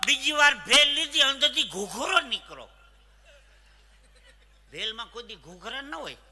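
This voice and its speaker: Male folk comedian, high bright voice, live stage show with long hall reverb, animated punchlines. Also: a little slow, crowd noise. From Saurashtra, Gujarat. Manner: animated joke-telling, punchlines. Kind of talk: live stand-up storytelling.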